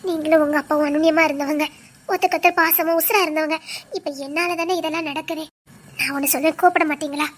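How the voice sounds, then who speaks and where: A woman's voice: high-pitched, steady tone, fast talker, lightly acted. A woman voicing an anxious but firm young wife who scolds and worries. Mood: worried.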